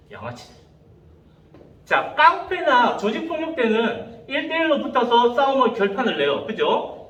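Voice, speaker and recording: A man preaching a sermon to young people as pastor, telling stories with lively quoted voices. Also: sits high, lo-fi sound. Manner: animated storytelling, acting out quoted voices. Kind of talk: sermon to youth. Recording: echoey room, voice from a distance.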